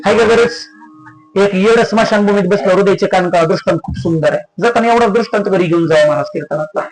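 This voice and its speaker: A man's voice: fast, loud music behind the voice, low-quality recording. A man preaching a devotional kirtan sermon, telling stories and repeatedly questioning the crowd with rising, emphatic cries. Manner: repetitive call-and-response questioning of the audience, rising to high emphatic cries. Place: live village festival gathering.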